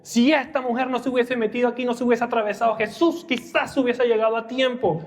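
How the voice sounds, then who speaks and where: A man's voice: very high voice, steady tone, fast talker, long reverb tail. A young male preacher giving a sermon, dramatically acting out the lines of the people in the story. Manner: dramatic, acts out Bible characters' lines.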